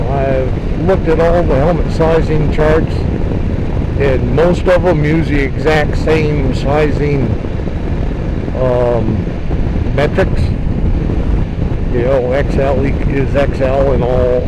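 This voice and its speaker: A man talking from inside a helmet as he rides, chatting casually in a halting, rambling way like a motorcycle vlogger. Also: on the high side. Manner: halting, rambling delivery with trailing thoughts. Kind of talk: casual rambling chat while riding. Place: inside a helmet, riding outdoors. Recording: loud wind and engine noise.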